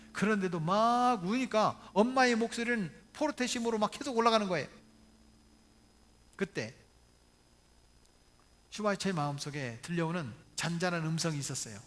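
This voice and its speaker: Man, pastor, high-pitched voice, church sermon, questions to the congregation, storytelling. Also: lively intonation, normal speed, bright, forceful tone. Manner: preaches with questions to the congregation and humorous asides; retells stories with acted quotes. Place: church, Sunday service video.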